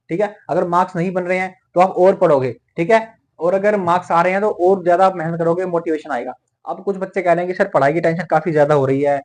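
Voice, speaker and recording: A young man giving a motivational talk to exam students, tagging nearly every point with a quick "theek hai". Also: a little high. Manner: fast, repeats "theek hai" as a tag. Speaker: medical entrance exam mentor.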